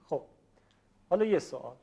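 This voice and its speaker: A man teaching a class how to pronounce Arabic letters, politely asking students questions and stretching out example words slowly. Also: fairly high pitch, lively intonation, vocal fry, heavy background noise. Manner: slow, drawn-out model pronunciations. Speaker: Quran recitation teacher. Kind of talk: classroom lesson on letter pronunciation.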